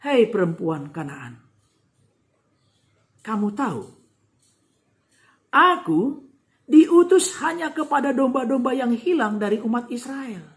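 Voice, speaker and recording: A woman's voice: fairly high pitch, big pitch swings, slow, pauses often, heavily acted. Woman voicing Jesus, curt and dismissive. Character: Jesus answering curtly, a calm grown man.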